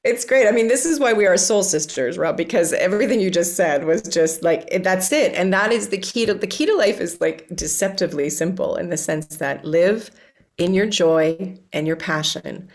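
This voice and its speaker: A woman's voice: lowish voice, moderate pace. A woman, a music coach and author, talking enthusiastically in a podcast interview, full of restarts and eager asides. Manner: enthusiastic, animated storytelling with many restarts.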